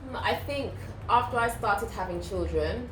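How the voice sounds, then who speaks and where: A woman's voice: medium pitch, normal speed. A woman in her thirties with a British accent, chatting candidly as an interview guest and acting out what others said. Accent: British English. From United Kingdom. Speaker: guest, YouTuber. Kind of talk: casual interview chat. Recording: roomy with clear background noise.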